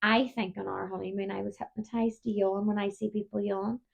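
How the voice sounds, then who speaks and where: Chatty woman with a gravelly voice. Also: mid-range voice, flat delivery, a little fast, dull audio, background noise. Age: 30s. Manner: chatty storyteller, keeps yawning. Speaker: podcast co-host. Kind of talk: casual chat.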